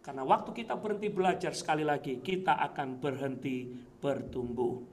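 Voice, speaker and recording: A male pastor with a Surabaya Indonesian accent, preaching a lively sermon in a church and shouting dramatic quotes. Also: a little high, brisk, slight background noise. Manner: mixes English words into speech.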